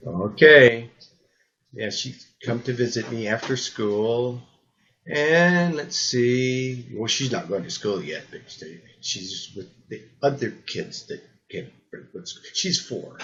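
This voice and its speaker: A man's voice: medium pitch, fairly bright tone. Older man on dull old camcorder audio. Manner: repeats words, halting restarts. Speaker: health supplement presenter. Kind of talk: rambling spoken talk.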